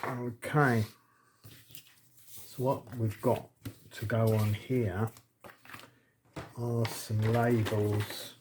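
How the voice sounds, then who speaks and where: A man's voice: fairly low pitch, flat delivery, drawn-out words, pauses often, noisy background. A man hosting a casual crafting tutorial, chatty and thinking aloud as he works. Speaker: crafting channel host.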